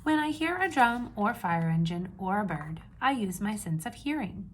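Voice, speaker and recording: A woman with a mid-range voice and big swings in pitch reads a picture book to young kids in a teacherly way. Key words get extra stress, and she asks simple questions, pausing before she confirms the answers. Slight background noise is present.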